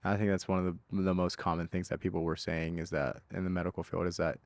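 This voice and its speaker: A man with a low voice recounts what he witnessed in a casual interview. He speaks in slangy, halting bursts, often repeating and restarting a phrase. The sound is dry and close. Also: flat delivery, a little mellow, no echo. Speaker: eyewitness being interviewed.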